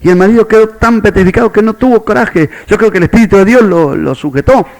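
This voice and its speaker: A man's voice: high-pitched, quick pace, a little mellow. A man with a Rioplatense Spanish accent preaching a sermon as a pastor, telling a story and quoting its characters. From Argentina.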